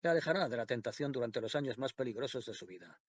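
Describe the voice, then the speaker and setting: A man's voice: medium pitch, lively intonation, quick pace, slightly rough, no room sound. A man voicing a stiff, dogged middle-aged country vicar in an audiobook.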